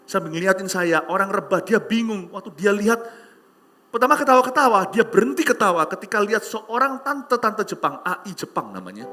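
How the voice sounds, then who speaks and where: A man preaching a sermon, telling stories animatedly and acting out voices with shouts and hushed asides. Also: high voice, big pitch swings, fairly quick. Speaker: pastor. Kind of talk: sermon with storytelling.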